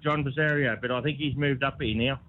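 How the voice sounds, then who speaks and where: A man's voice: mid-range voice, fairly even intonation, fairly quick. Australian male horse trainer, laconic and colloquial, rambling interview answers, thin noisy phone audio. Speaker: harness racing horse trainer being interviewed. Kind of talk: casual interview chat. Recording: tinny phone line with clear noise.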